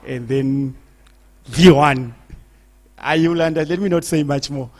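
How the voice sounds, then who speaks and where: A man's voice: fairly high pitch, unhurried, darkish tone. A man introducing the guest speaker at a church program, chatty and laughing between his phrases.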